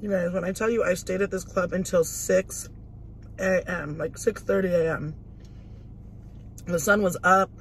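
A woman vlogger sits in a parked car eating and telling a casual story, chatty, profane, and saying "like" constantly. Her voice is on the low side with fairly even intonation, unhurried, with long pauses and a little hiss or hum.

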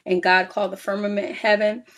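A woman talking through a Bible passage in a relaxed, conversational way. She keeps checking in with "all right?" and "right?", drifts through "um"s, and moves between reading verses and explaining them as if to a small group. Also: mid-range voice, a little fast. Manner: reads scripture aloud then explains with frequent "all right?" and "um". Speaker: Bible study teacher.

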